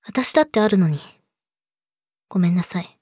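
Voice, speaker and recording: A young woman playing a possessive yandere girlfriend, sweet but menacing, speaking softly and intimately to her lover in an audio drama. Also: fairly low pitch, expressive, normal speed, breathy edge, dry recording, clean studio sound. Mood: suspicious, subdued. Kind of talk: Japanese situation voice audio drama, addressed to listener.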